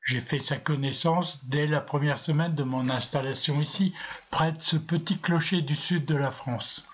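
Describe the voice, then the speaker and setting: A man narrating a scripted first-person story in a steady, unhurried way. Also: a little high, slightly rough.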